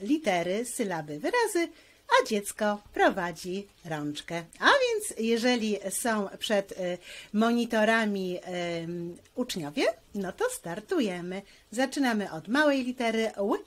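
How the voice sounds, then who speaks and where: A woman's voice: medium pitch, sing-song, unhurried. A woman teacher giving a handwriting lesson, explaining each stroke patiently, step by step.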